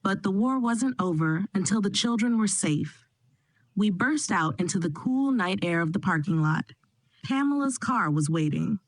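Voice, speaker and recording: A woman narrating a first-person family drama in a steady, dramatic storytelling manner. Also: mid-range voice, moderate pace, dry recording, poor audio.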